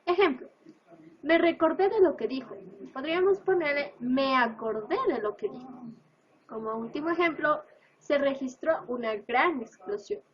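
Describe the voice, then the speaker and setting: A woman, a student presenter, reading a school presentation on language errors, listing examples in a steady list-like cadence. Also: high voice, normal speed. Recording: dull lo-fi recording.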